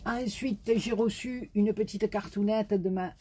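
A woman's voice: mid-range voice, steady tone, measured pace, mellow, a little hiss or hum. A woman with a southern French accent, a YouTuber chatting to camera as she shows greeting cards she was sent, effusive and full of fillers. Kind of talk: casual chat to camera.

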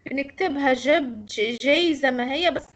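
Egyptian lady teacher, high voice, online class, going over how words sound. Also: normal speed, a little hiss or hum. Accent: Egyptian Arabic. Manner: explaining and correcting pronunciation. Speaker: English teacher. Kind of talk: online lecture.

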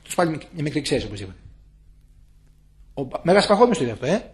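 An older man, an elder monk, giving an impassioned spiritual talk to visitors in a monastery guest room, moving from loud warnings to hushed asides. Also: on the high side, big pitch swings, a little hiss or hum.

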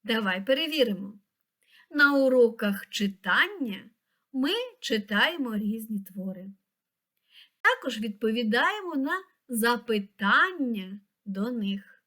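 Slow, lively-voiced woman teaching children. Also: a little high. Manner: slow, clear, pronouncing words syllable by syllable. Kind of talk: scripted lesson narration for young children.

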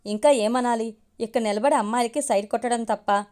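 A woman voicing a proud, sharp-tongued young college woman who scolds and brushes others off. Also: on the high side, brisk, lightly acted. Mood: scolding. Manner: scolding, dismissive.

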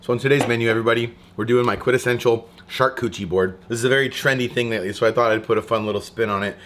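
Fast-talking young man with chatty, rambling delivery. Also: medium pitch, fairly even intonation, a bit bright, a little hiss or hum. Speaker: fishing vlogger. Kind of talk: casual cooking vlog. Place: houseboat kitchen.

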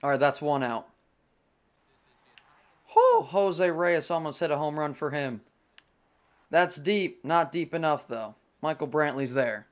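A young man giving live commentary over a video game as a gaming YouTuber, breaking into excited and frustrated outbursts. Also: fairly high pitch, measured pace, long pauses.

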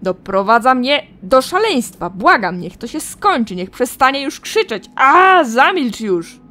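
A woman reading a frantic madwoman from a fantasy game who pleads and raves, with a shrill, loud voice. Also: sing-song, a little slow, full character voice. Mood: raving. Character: frantic madwoman clutching a cursed jar.

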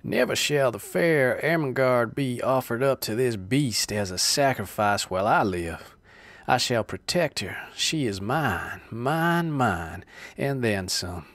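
A man's voice: medium pitch, a little slow, gravelly, dry recording. A man voicing a young rustic hero who declaims in a theatrical, bombastic way. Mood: heroic.

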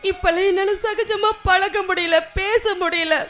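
An actress playing a young woman in love who speaks in a tearful, halting, stammering way in film dramatic dialogue. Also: very high-pitched, fairly even intonation, fairly bright tone, soft background music. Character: young woman, emotional, teasing her beloved.

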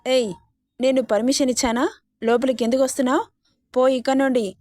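A woman's voice: high voice, flat delivery, fairly quick, darkish tone, no room sound, natural voice. A woman voicing a short-tempered young male company boss who snaps curt orders. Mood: angry.

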